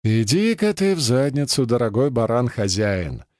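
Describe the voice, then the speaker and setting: A man's voice: mid-range voice, very animated, moderate pace, a little mellow, dry recording, studio quality, close to an everyday voice. A male audiobook reader voicing a grumpy inner voice that scolds its owner. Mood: grumbling. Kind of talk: audiobook character voice.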